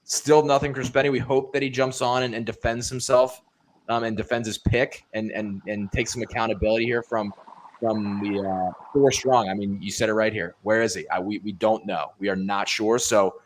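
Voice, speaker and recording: A man hosting a sports podcast in casual chat, relaxed and filling gaps with ums before he passes the talk to his co-hosts. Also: lowish voice, moderate pace, a little hiss or hum. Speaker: podcast host.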